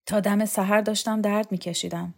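A woman's voice: medium pitch, steady tone, vocal fry. A woman reading the lines of a frail bedridden woman who speaks weakly and drifts into feverish wandering talk, for an audio storybook. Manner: weak, halting, drifting into delirium.

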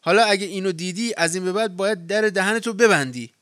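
A man's voice: medium pitch, a bit bright, clear, resonant tone, no room sound, clean studio sound, close to an everyday voice. A man reading the part of a short-tempered farm owner who scolds and argues. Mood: angry. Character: exasperated farm-owning man.

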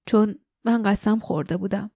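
A woman voicing a gentle dying father in an audiobook, speaking softly and weakly. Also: medium pitch, breathy edge, no room sound, clean studio sound. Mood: tender. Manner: soft, weak, murmuring.

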